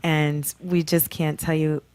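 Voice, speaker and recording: A woman's voice: low-pitched, little pitch movement, slow pace, a little mellow, clean tone, no room sound. Effusive woman radio host. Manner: effusive, laughs often. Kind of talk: live radio show chat.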